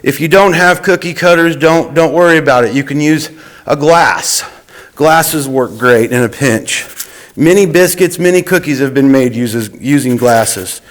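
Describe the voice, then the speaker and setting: A man's voice: fairly high pitch, a little slow. Man showing how to bake cookies. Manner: relaxed, instructive, with restarts. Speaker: cooking guest. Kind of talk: casual cooking demonstration. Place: student TV studio.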